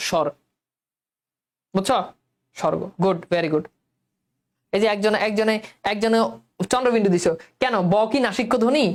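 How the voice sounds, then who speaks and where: A young woman teacher with a colloquial Bangladeshi Bengali accent, leading an online lesson and quizzing her students in a coaxing way. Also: medium pitch. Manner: coaxing, quizzes students, repeats words slowly.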